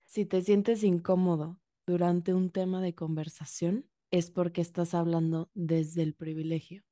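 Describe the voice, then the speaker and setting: Mellow-voiced woman podcaster. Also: on the low side, no echo, clean studio sound. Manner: reflective, explains calmly with many fillers. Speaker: podcast co-host. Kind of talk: casual podcast talk.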